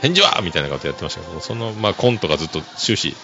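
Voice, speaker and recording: A man hosts a relaxed solo podcast in a deep, gravelly voice, talking at a racing pace while his pitch bounces around a lot. He chuckles easily and pads his speech with fillers, and the dull lo-fi recording has music running underneath.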